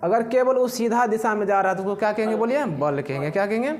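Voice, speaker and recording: A man's voice: high-pitched, fast, a little mellow. A man teaching a physics class, who keeps asking the students questions and then answers them himself.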